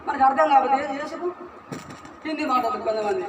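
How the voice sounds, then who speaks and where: A man with a very high-pitched voice preaches quickly in a Telugu church sermon, pressing his congregation with rhetorical questions and repeated phrases. The recording from the church hall is muffled, roomy, distant and noisy.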